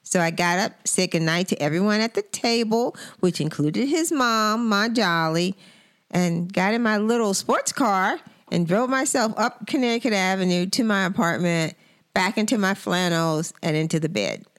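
A woman's voice: medium pitch, lively intonation, moderate pace, clean tone. An older woman in a casual chat, adding dry, brief remarks to her husband's story. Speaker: co-host, wife.

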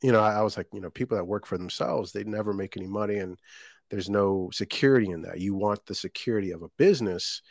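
A man from Jamaica tells his story in a very low, deep voice, loose and casual, full of ums and self-corrections. The sound is dry and close, with no room around it. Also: fast, creaky, no room sound. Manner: rambling, many ums and restarts. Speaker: guest, shortbread business owner.

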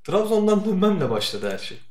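Young man, casual podcast chat, joking, lively pitch, roomy echo. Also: brisk. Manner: animated, joking storyteller. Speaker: podcast co-host.

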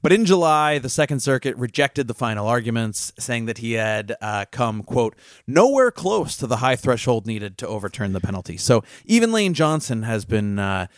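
A man hosting a podcast, explaining legal news in a casual, explanatory way with frequent filler pauses. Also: medium pitch, big pitch swings, no echo, studio quality. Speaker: podcast host and legal reporter. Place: New York.

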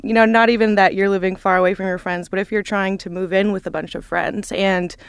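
Young woman, podcast guest, fry in the voice, smooth, dry close sound. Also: medium pitch, steady tone, fairly quick, no room sound. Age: 20s. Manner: thoughtful, searching for words. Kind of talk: casual podcast discussion.

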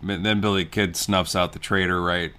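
A man chats through a film recap, rambling and trailing off into asides. His voice sits low but carries a bright, forceful tone. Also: fairly even intonation, moderate pace, clear, resonant tone. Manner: rambling, retells scenes with laughs and trailing asides. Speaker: podcast co-host. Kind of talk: casual movie recap chat.

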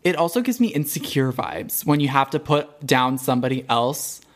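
A woman's voice: very deep voice, sing-song, moderate pace. A young woman co-hosting a podcast, chatting casually with lots of fillers and swearing. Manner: many fillers, swears, laughs often. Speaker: podcast co-host. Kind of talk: casual chat.

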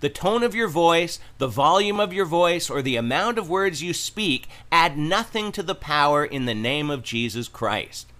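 A man's voice: fairly high pitch, expressive, moderate pace, few pauses, bright, forceful tone. A man hosting with scripted religious commentary, speaking in an admonishing, declarative way.

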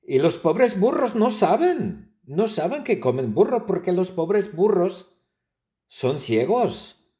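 Slow, lively man telling a simple story. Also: sits high. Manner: simple repetitive phrasing, playful. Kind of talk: slow storytelling for language learners.

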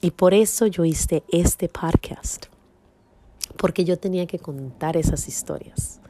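A woman's voice: on the low side, unhurried, mellow, slight background noise. A woman hosting a podcast, telling a personal faith testimony with emotion and sometimes dropping to a whisper. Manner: emotional storytelling, drops to a whisper at tense moments. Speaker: podcast host.

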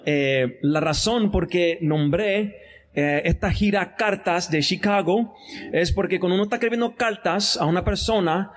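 A man's voice: high-pitched, a little hiss or hum. A man with a Puerto Rican accent, performing spoken word poetry at a bar event after chatting loosely to the crowd. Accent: Puerto Rican Spanish. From Puerto Rico. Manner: chatty, loose intro with English "so" fillers. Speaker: poet. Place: bar event space, indoors. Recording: live mic with guitar music behind. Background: guitar music.

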